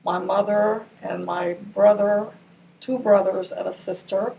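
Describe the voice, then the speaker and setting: Recorded from a distance with faint background noise, this older Arabic-speaking woman from Ramallah tells of her childhood for an oral history. She speaks a little slowly in a steady, mid-range voice that is creaky and dark.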